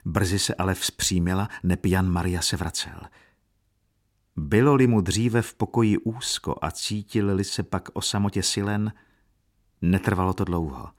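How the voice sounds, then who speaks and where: A man narrating a novel as an audiobook reader, measured and calm. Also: low-pitched.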